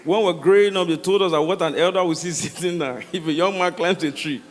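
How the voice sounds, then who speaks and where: A Nigerian man performing comedic stories to a live audience, animated, slipping into Pidgin and acting out dialogue. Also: high voice, fairly quick. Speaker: stand-up comedian. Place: large hall with a stage. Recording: echoey hall, noisy live sound.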